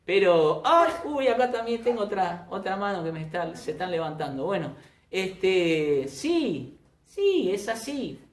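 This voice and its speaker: A man's voice: sing-song, measured pace, echoey room. A man preaching a sermon, emphatic, often repeating and restarting phrases. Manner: emphatic, with sudden rises in pitch and loudness. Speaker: pastor.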